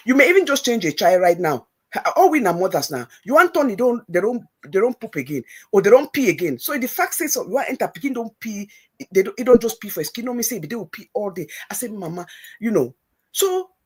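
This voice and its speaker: Husky-voiced woman with a West African lilt. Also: a little high. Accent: Nigerian Pidgin-tinged English. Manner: retells conversations in quoted speech, emphatic and motherly. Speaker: show host. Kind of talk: animated storytelling chat.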